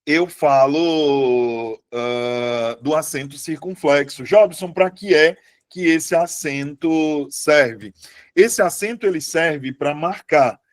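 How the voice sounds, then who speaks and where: A man teaching a live online Portuguese lesson, chatty and lively, often putting questions to his students. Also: fairly high pitch, slow pace, no room sound, clean studio sound.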